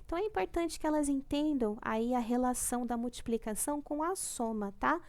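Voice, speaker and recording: A woman's voice: high-pitched, lively intonation, brisk. A young woman teacher with a Brazilian Portuguese accent, patiently going over homework in a recorded class and often checking in with "tá?". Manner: patient, ends phrases with "tá?", syllables drawn out. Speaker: primary school teacher.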